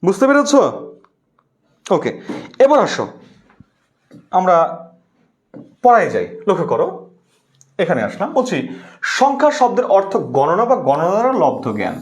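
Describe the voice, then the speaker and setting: A man's voice: sits high, wildly swooping pitch, moderate pace, pauses often. A male language teacher giving an online class lecture, repeating key words and asking students to comment.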